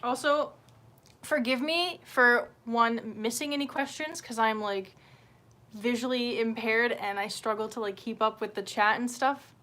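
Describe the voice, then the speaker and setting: Her voice is fairly high and sharp-toned, and she speaks a little slowly. Hosting a casual livestream indoors at home, she rambles informally with self-deprecating humor and plenty of swearing, while an open window lets in room noise.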